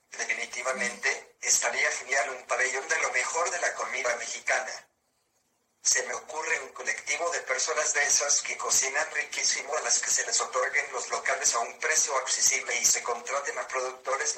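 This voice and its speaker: A male synthesized text-to-speech voice like an old speech synthesizer, reading a scripted opinion segment in a robotic, measured way. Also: medium pitch, sharp tone, rough recording. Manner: robotic, evenly measured delivery. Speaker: opinion columnist.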